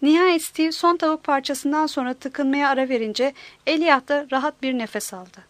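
A woman narrating an audiobook in a steady, measured storytelling manner. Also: high voice, dry recording.

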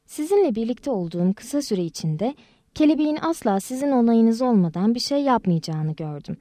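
A woman reading the lines of a kind, gentle adult man in an audiobook, with a soft, reassuring way of talking. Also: on the high side, very animated, normal speed, no echo, clean studio sound.

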